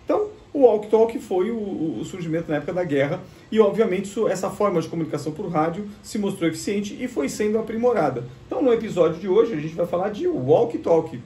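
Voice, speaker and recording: Quick and lively, this man's high voice is mellow with a slight roughness, and he rarely pauses. Speaking with a Brazilian Portuguese accent, he presents a vintage gadgets show in a casual, instructive demonstration, regularly questioning himself and responding.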